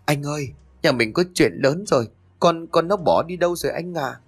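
A man's voice: on the high side, animated, normal speed, breathy edge, voice pushed up. A man playing a harsh, scheming stepmother. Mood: feigned worry. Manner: harsh, scolding. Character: cruel, scheming young stepmother.

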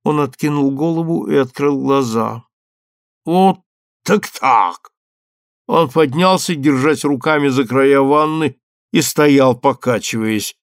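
A man narrating a literary novel as an audiobook, measured and expressive. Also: mid-range voice, dry recording, studio quality. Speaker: audiobook reader.

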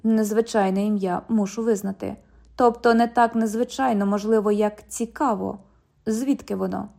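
A woman's voice: medium pitch, fairly even intonation, moderate pace, gravelly, mellow, natural voice. A woman reading an audiobook, voicing a formal, patient young male police officer.

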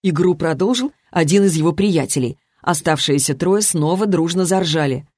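A man narrating an audiobook in a steady, even storytelling manner. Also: fairly high pitch, moderate pace, no room sound, clean studio sound. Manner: steady, even storytelling with lightly voiced dialogue. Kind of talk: scripted narration.

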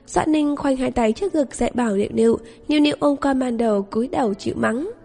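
A woman narrates a novel in a steady, even storytelling voice. Her voice is fairly high with a dark, gravelly tone. A long reverb and faint background music surround her. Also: quick pace. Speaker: audiobook narrator. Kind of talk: scripted narration.

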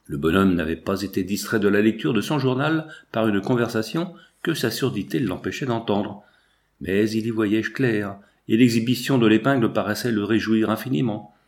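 A man narrating an audiobook with an expressive, steady reading. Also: fairly low pitch, moderate pace. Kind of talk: scripted narration.

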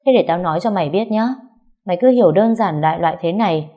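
A woman's voice: fairly low pitch, fast talker, lo-fi sound, close to an everyday voice. A woman voicing a brash, bossy young woman friend who scolds bluntly.

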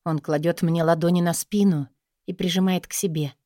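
A woman's voice: lowish voice, steady tone, normal speed, dark tone, no room sound, studio quality. A woman reading scripted first-person romance fiction as an audiobook narrator, in an intimate, sensual way.

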